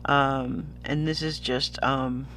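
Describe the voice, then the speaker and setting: A man's voice: medium pitch, little pitch movement, slow, sharp tone, a little hiss or hum. A sniffly man chatting casually as a vlogger unboxing purchases, rambling and easily losing his thread. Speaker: vlogger showing stationery purchases.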